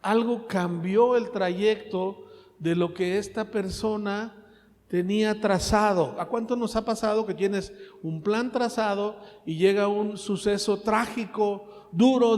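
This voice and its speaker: A man preaching a sermon, asking the congregation questions and swinging between loud and soft. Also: sits high, in a large hall. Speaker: pastor.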